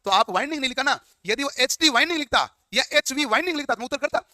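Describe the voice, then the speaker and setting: A man's voice: extremely high pitch, lively intonation, very fast, bright, forceful tone, no echo, clean studio sound. A man teaching a class, firing questions at his students and answering them himself. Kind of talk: classroom lecture.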